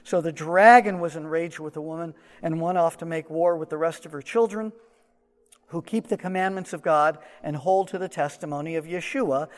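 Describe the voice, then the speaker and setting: A man with a fairly high voice talks through scripture in a relaxed, explaining way, adding asides as he goes. The sound is muffled, as if picked up from inside his shirt pocket. A long reverb trails behind him from a large hall. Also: normal speed. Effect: muffled, recorded from a shirt pocket. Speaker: Bible teacher. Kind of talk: verse-by-verse Bible teaching.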